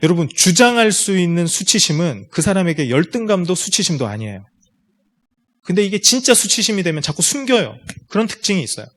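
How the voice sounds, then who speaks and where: In a school lecture room, a man gives parents a seminar, walking through ideas step by step and firing rhetorical questions directly at them. His voice sits high and is fairly bright, very animated and a little fast.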